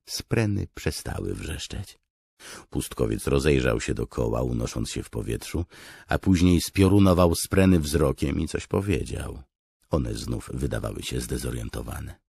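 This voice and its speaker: Deep gravelly guy reading a fantasy audiobook, bit husky, dry studio sound. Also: animated, measured pace, darkish tone, dry recording. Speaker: audiobook narrator. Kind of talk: scripted fantasy narration.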